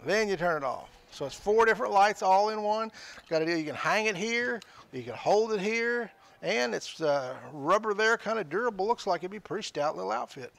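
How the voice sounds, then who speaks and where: An older man presents an auction show, casually talking up merchandise on air with folksy jokes from a small studio room of sale items. His high voice is creaky and a bit bright, expressive, and fairly quick.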